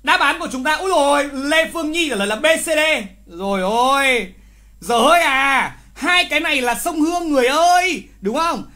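Bright-voiced man teaching lively. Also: extremely high pitch. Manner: lively, teasing, scolds wrong answers with exclamations; repeats key words for emphasis. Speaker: literature teacher. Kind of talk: live online exam review.

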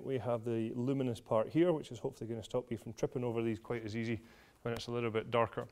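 A man's voice: medium pitch, a little mellow. A man in his thirties giving a product demonstration in an indoor studio, explaining features in a friendly way with frequent "uh" fillers. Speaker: product presenter. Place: large indoor studio with a tent.

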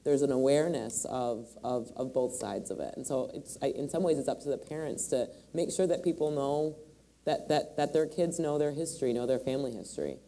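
A woman's voice: rumbling low, a little fast, mellow, a little hiss or hum. A woman in her forties from Michigan, speaking thoughtfully on a panel, with many restarts. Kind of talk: panel discussion. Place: large hall on a stage.

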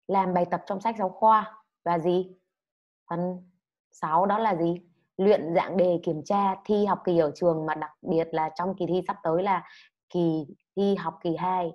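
A woman's voice: on the low side, highs cut off. A woman from Vietnam teaching an online English lesson to children, explaining words and having pupils repeat after her. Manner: drills words loudly and has pupils repeat.

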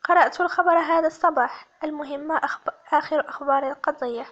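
A woman's voice: sits high, fast. A woman voicing a terse, aloof male investigator. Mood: curt. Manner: curt, calm. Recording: slightly muffled lo-fi audio.

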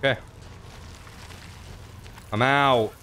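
A man giving casual let's-play commentary while gaming, expressive and freely cursing. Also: medium pitch, very slow, slight background noise. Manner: expressive, profane, excitable. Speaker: gaming streamer.

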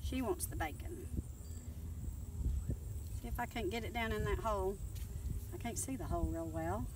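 A woman's voice: medium pitch, moderate pace. Folksy woman in a noisy yard. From North Texas. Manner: chatty, folksy, talks straight to viewers while working outdoors. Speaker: gardening vlogger. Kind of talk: casual vlog walk-through. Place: outdoors in a rural yard and garden. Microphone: phone camera held or close by. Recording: outdoor wind and yard noise.

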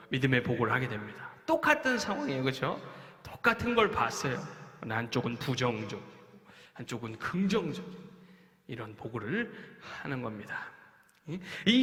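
A man preaching a children's sermon, telling a story with lively acted-out quotes and questions to the kids. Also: mid-range voice, moderate pace. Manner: animated, acts out quoted speech, asks children questions. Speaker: children's pastor. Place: church worship hall. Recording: echoey church hall.

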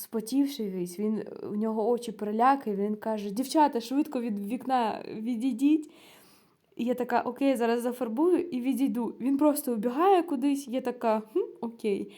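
A young woman with a Ukrainian accent tells a story to her vlog audience. Her voice is a touch high and mellow, and she is animated, acting out quoted dialogue and trailing into hesitations. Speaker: vlogger. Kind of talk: casual storytelling.

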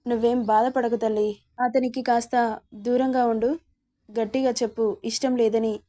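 A woman's voice: on the high side, flat delivery, moderate pace, warm tone, lightly acted. A woman reading a worried comforting mother. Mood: soothing. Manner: soothing, worried. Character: anxious caring mother, middle-aged woman.

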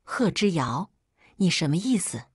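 Woman playing arrogant young husband, low, gruff, husky, threatening. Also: sing-song, a little slow, no echo, clean studio sound, full character voice. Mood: cold.

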